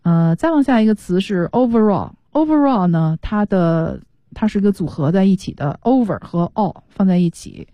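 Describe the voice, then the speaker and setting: A woman's voice: mid-range voice, expressive, moderate pace, mellow, no room sound. A woman teaching an English lesson on the radio, explaining words patiently and mixing English terms into her talk.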